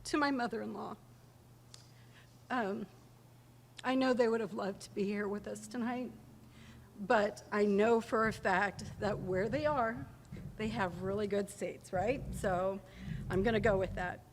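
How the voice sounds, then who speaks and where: A woman's voice: mid-range voice, fairly even intonation, unhurried, slight background noise. Emotional woman giving a speech in a hall. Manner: emotional, teary, jokes with the audience. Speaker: hall of fame inductee. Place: large banquet hall. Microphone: podium mic. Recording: reverberant hall, faint ambience.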